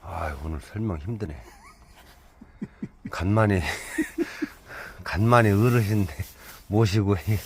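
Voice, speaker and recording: A man's voice: on the low side, a little slow, long pauses, background noise. A man giving a joking, chatty hands-on walkthrough of a camper van, counting steps aloud as he goes. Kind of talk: casual hands-on product walkthrough.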